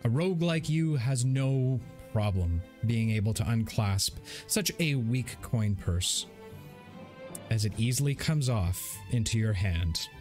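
Guy running a tabletop game, really animated voice, takes his time describing stuff. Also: mid-range voice, measured pace, faint music behind. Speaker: game master.

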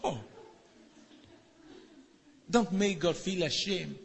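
A man preaching in in a church hall, swinging from low murmurs to shouted commands as he is interpreted line by line. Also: extremely slow, vocal fry, slightly rough. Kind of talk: sermon with live interpretation. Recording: echoey hall.

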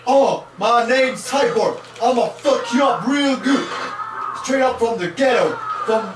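A man's voice: very high-pitched, lively intonation, takes it slowly, over music, exaggerated voice. A man voicing a brash, boastful male cyborg tough who throws out swaggering threats. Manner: swaggering threats, loud bursts. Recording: echoey room, far mic, loud noise.

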